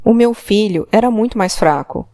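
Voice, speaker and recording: A woman's voice: medium pitch, animated, moderate pace, mellow, no room sound, studio quality, close to an everyday voice. A woman reading an audiobook, voicing an old immigrant father who answers in short, hesitant words. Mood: subdued. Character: old Portuguese immigrant father, ashamed, timid. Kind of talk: audiobook character voice.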